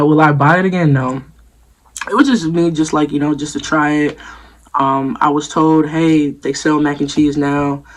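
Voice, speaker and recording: A man casually reviewing fast food for his vlog, easygoing and repetitive, with frequent ums. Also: on the high side, rough recording. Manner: easygoing, repeats himself, lots of ums and "me personally".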